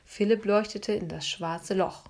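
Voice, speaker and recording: A woman narrating a children's storybook in a hushed, suspenseful manner. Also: mid-range voice, fairly even intonation, unhurried. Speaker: audiobook narrator.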